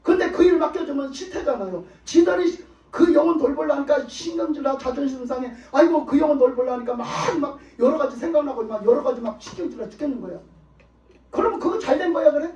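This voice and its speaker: Preaching fast and expressively, a male pastor with a very high but dark-toned voice presses his message with one rhetorical question after another. The sermon is heard from a distance in an echoey church, muffled and dull.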